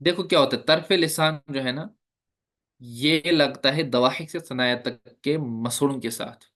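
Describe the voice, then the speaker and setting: Speaking a little slowly in a mid-range, slightly bright voice, a man lectures a recitation class. Each point gets a step-by-step explanation, and he asks the class questions and demonstrates how the sounds go.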